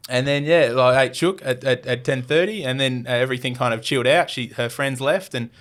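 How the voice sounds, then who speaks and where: A young man with an Australian accent tells a long anecdote as a podcast guest. He rambles, restarts his sentences and fills pauses with "um", then slips into the voices of the people he quotes. His pitch sits in an ordinary middle range. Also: fairly bright tone. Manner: rambling, lots of fillers and restarts, acts out quoted lines. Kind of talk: casual storytelling.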